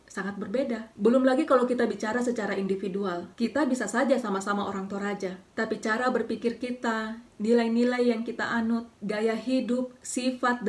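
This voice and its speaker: A woman from South Sulawesi, Indonesia, giving dating advice to camera in a calm, scripted way, often putting questions straight to the viewer. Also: fairly high pitch, far from the mic.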